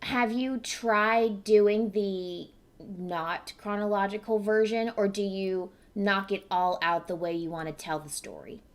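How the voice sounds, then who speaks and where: Young woman interviewer with a mid-pitched voice. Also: steady tone, measured pace, hardly any pauses. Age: young adult. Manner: encouraging, informal. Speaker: interviewer, host. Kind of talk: casual interview chat. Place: indoors before a cloth backdrop. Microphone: computer mic on a video call.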